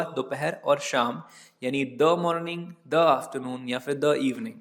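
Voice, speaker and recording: A man's voice: fairly high pitch, fairly bright tone, big-room sound. Patient male teacher spelling words aloud. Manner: corrects his own typos mid-lesson. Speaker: English vocabulary teacher. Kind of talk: slide-based vocabulary lesson.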